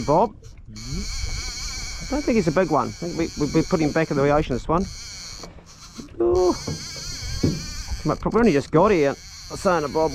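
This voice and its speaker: A man with a broad New Zealand accent chatting casually in a laid-back, matey, slangy way as he vlogs outdoors. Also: a little high. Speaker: vlogger. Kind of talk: casual outdoor vlog chat and commentary. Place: outdoors on a farm and small boat. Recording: loud outdoor wind and boat noise.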